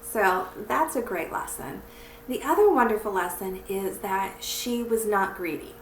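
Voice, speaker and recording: Reading aloud and talking warmly with children, this church teacher and storyteller keeps things simple and encouraging, like a teacher would. Her medium-pitched voice is lively but unhurried. The sound is roomy, captured from a distance with a little faint noise.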